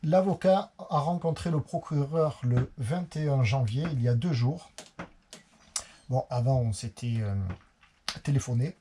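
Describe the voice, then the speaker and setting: A Marseille-born sailing vlogger talks casually to camera in a mid-range, slightly slow voice, with a Marseille French accent. He's chatty, meandering and plain-spoken, and the background is noisy.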